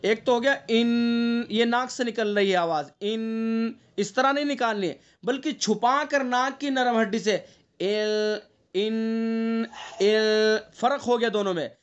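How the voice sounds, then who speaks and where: A man's voice: very high-pitched, few pauses, fairly bright tone, dull audio. A man teaching an online Quran recitation class, explaining rules patiently, often checking with the students and sounding out the nasal examples himself.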